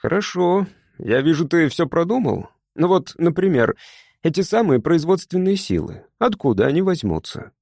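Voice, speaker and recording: A man voicing a calm, suspicious companion who speaks in a measured way. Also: a little high, creaky, no echo, clean studio sound, voice pushed up, heavily acted. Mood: wary.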